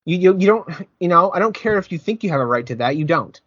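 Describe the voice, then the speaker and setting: A man's voice: on the high side, lively intonation, fast talker, sharp tone, no room sound, muffled recording. A man hosting a casual wrestling podcast, rambling, repeating his words and getting heated. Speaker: podcast host.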